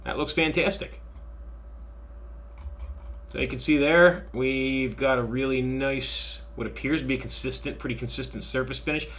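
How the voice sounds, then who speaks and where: A man walks through a machining software tutorial in an easygoing, unhurried voice of middle pitch. He thinks aloud, pauses with fillers and talks to his students like an instructor. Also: fairly even intonation. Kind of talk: software tutorial screen recording.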